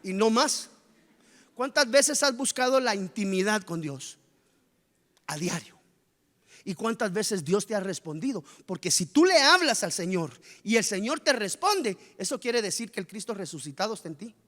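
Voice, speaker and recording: Man, pastor, animated sermon, rhetorical questions, high voice, echoing church hall. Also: moderate pace. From Guatemala.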